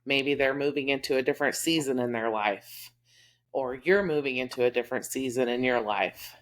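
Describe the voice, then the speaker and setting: A woman with a Texas accent and a very low, deep voice talks in an easy podcast chat. She speaks candidly and from the heart, with plenty of "um" and "you know" as she thinks aloud. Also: moderate pace. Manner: candid, heartfelt, lots of fillers. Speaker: podcast co-host. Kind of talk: casual chat.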